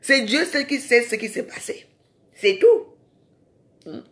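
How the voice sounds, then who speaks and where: A woman's voice: a little high, expressive, slow pace. A woman ranting in a live social media video. She is confrontational and scolding and keeps firing rhetorical questions at her viewers.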